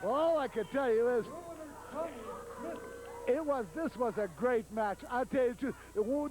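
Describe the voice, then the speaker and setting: Eager, chatty wrestling commentator. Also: male voice, very high-pitched, darkish tone, rough recording. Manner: eager, chatty, repeats himself. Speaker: color commentator. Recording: 1989 TV broadcast.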